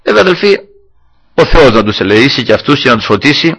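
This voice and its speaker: A man's voice: mid-range voice, big pitch swings, a bit bright, breathy edge. A man preaching a sermon to his congregation, telling a personal story and acting out the dialogue in it.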